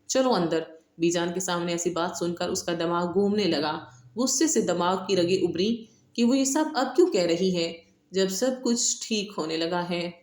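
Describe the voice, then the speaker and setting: A woman narrating a romance novel as an audiobook, with steady, dramatic storytelling. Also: fairly low pitch. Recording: echoey room.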